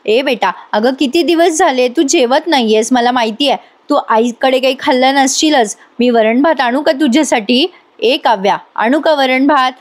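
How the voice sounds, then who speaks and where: A woman puts on a caring elder sister who talks softly and patiently. Her voice is high, and she coaxes rather than scolds. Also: normal speed, natural voice. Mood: coaxing.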